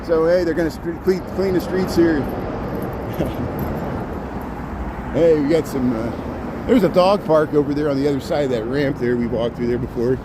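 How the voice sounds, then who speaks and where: Outdoors on a busy city street, a man from Indiana hosts a casual walking livestream, chatting, rambling and laughing a lot. He speaks at a measured pace with a fairly high pitch and long pauses, traffic noise audible in the background.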